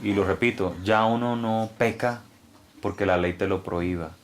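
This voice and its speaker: A pastor with a fairly low voice offers an earnest, informal teaching. His delivery is mostly steady, and his pitch climbs sharply when he drives a point home. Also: normal speed. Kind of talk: informal preaching.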